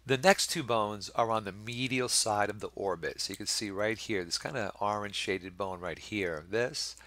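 A man's voice: deep voice, sharp tone, no echo. A middle-aged man teaching anatomy over slides, explaining patiently and often checking in with the class. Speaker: anatomy instructor. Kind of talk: recorded lecture over slides.

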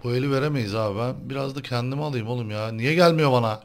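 A young man chatting casually while playing a game, excitable and quick to complain to his viewers. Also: mid-range voice. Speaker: gaming channel host. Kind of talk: casual gameplay chat.

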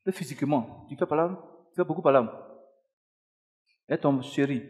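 A man's voice: on the high side, normal speed, a little mellow, long reverb tail. A man leading a deliverance service as pastor, commanding and repeating his words in a chant. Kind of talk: deliverance ministry. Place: church.

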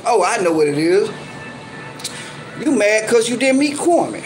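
A man's voice: high-pitched, big pitch swings, measured pace, music in the background, low-quality recording. A man ranting angrily on his video channel, scolding and cursing over and over in heated, repetitive bursts. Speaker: YouTube commentator. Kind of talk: angry ranting vlog.

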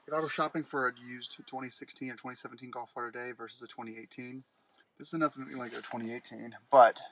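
This man's mid-range voice sounds a bit bright as he does a casual car walkaround, first outdoors at a dealership lot and then inside a vehicle. A car vlogger, he thinks out loud with fillers and restarts, filming on a handheld phone camera that adds a little hiss or hum.

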